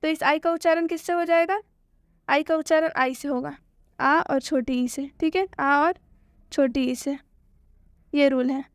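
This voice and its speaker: A woman gives a spoken English lesson. She asks questions and answers them herself, and she repeats each point slowly. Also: sits high, fairly even intonation, no echo, studio quality. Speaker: English teacher.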